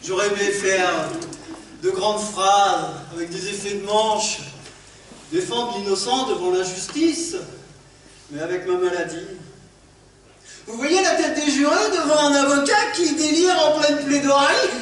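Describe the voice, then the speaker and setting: An actor on stage playing a courteous, apologetic man with Tourette's who suddenly shouts obscenities. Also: high voice, expressive, unhurried, far from the mic. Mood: apologetic, polite. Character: polite middle-aged man with Tourette's blurting insults. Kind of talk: amateur stage play. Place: theatre stage. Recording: echoey hall miked from afar, background noise.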